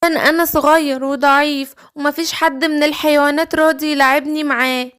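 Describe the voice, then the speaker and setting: A woman's voice: high voice, fairly even intonation, brisk, a bit bright. A woman with an Egyptian accent voicing a small, weak male tiger cub who pleads to join in. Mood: pleading sad. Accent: Egyptian Arabic. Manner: pleading, sad.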